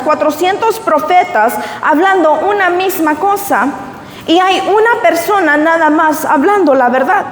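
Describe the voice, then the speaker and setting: A woman pastor preaching a sermon. She reads scripture aloud and retells it in a conversational way, slipping English phrases in. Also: sits high. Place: church. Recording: echoey church hall.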